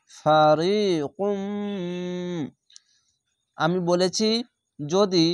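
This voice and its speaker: A man teaching Quran reading in a slow lesson, spelling out each letter and vowel mark syllable by syllable and drawing out the sounds. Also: a little high, no echo, studio quality.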